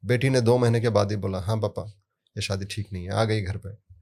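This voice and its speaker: A low-pitched man, a guest on sound therapy, explains things briskly and easily in conversation, weaving family stories and anecdotes into his points. He leans sudden emphatic rises onto key words, then settles back into a calm, even tone.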